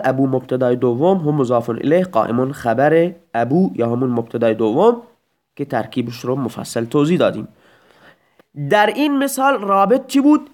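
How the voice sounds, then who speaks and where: A man's voice: fairly high pitch, darkish tone. A man teaching Arabic grammar in an audio lesson, explaining step by step and asking rhetorical questions.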